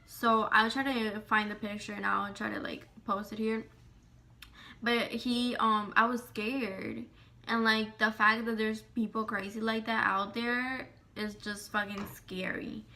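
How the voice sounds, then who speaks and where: A woman vlogger telling a storytime in casual, profane, rapid speech, acting out the dialogue. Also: a little high, gravelly. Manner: profane, rapid, animated retelling with quoted dialogue.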